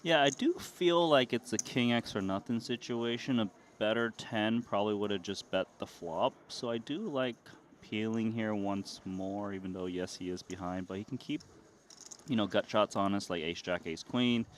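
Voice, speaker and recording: Man, lowish voice, analytical poker commentary, faint background ambience. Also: normal speed, a little hiss or hum.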